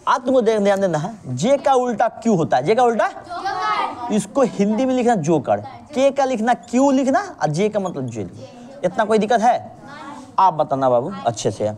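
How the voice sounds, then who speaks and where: A woman teacher with a lilt walks a student through a reasoning lesson. Her pitch swings widely as she drills with call-and-response, asking again and again whether there is any problem. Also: a little mellow. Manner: patient, keeps checking understanding with repeated questions.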